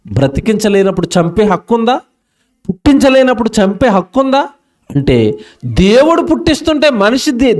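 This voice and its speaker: A man preaching a sermon at an outdoor public meeting, impassioned, often asking the crowd questions and drawing words out slowly. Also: sits high.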